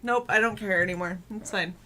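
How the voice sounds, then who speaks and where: A woman's voice: mid-range voice, a little fast, bright, forceful tone. A woman playing a tabletop game, talking casually with blunt, teasing remarks. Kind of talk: casual banter.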